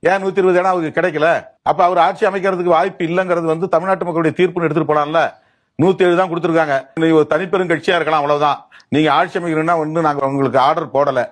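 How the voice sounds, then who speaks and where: A man's voice: fairly high pitch, steady tone. A man arguing a political point in an interview, reasoning aloud with questions. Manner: argumentative, rapid, reasoning aloud. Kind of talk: interview argument.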